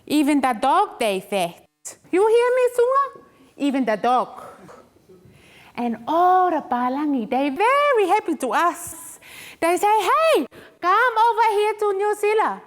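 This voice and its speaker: A woman's voice: very high voice, sing-song, a little slow, heavily acted. A woman voicing a cheerful newly arrived immigrant woman speaking broken English with exaggerated cheer. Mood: mock-cheerful.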